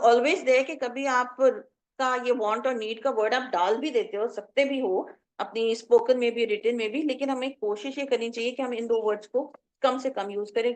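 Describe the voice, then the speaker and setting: High-voiced woman lecturing a class. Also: normal speed. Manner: explanatory, repeats points, code-switches often. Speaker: college English lecturer. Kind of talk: classroom lecture mixing Urdu and English. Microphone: lecture recording to class and online students.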